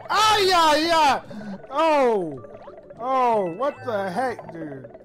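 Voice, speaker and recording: A high-pitched woman streamer talks at an easy, unhurried pace while she plays. She jokes with her chat and breaks into laughter often. Faint music plays in the background. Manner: excitable, joking, laughs often. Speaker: game streamer. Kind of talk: live gameplay commentary.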